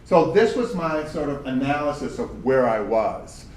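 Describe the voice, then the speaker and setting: At a moderate pace and medium pitch, a man with a big voice teaches job seekers in a plain, chatty style, illustrating with his own work experiences. The distant, off-mic recording sounds roomy, and a faint hum runs steadily beneath it.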